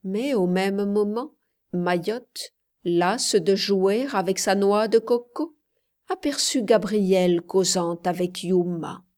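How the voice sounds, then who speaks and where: Slow-reading woman narrating a novel. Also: medium pitch, a little mellow. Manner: slow, measured storytelling. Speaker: audiobook narrator. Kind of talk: scripted narration.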